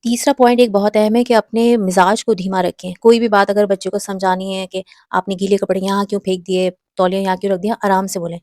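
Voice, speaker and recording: A woman's voice: medium pitch, little pitch movement, hardly any pauses, a little mellow, no echo, studio quality. A woman hosting a parenting advice talk, speaking earnestly and instructively straight to mothers. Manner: earnest, instructive, addresses viewers directly.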